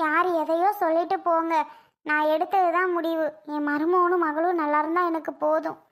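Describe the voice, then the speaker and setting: A headstrong elderly mother from a cartoon, as a woman voices her. She speaks firmly and insistently, in a very high-pitched voice. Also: flat delivery, normal speed, fairly bright tone. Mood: stubborn. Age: older. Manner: firm, insistent, scolding. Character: stubborn elderly mother giving her kidney. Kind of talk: cartoon voice acting.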